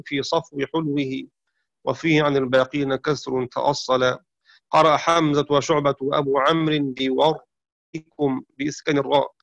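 A man teaching the variant readings of the Quran, explaining rules and slowly sounding out words to demonstrate pronunciation. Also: on the high side, a bit bright, no echo. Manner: explanatory, slows down to sound out words, self-correcting. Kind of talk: religious lesson on recitation variants.

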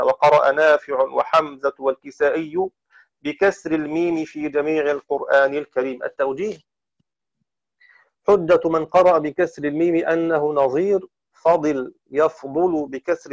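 A man teaching variant Quran readings, deliberate and methodical, slowing down to intone the quoted verses. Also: fairly high pitch, dry recording. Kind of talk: explaining variant Quran recitations. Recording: dull dry lo-fi recording.

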